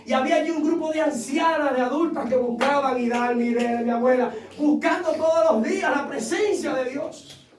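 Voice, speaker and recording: A male pastor preaching a passionate sermon, telling personal stories and rising into shouts. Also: extremely high pitch, moderate pace, noisy background. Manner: impassioned preaching that swells into shouts; tells personal stories with acted quotes. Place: church sanctuary. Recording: echoey church sound from a distant mic.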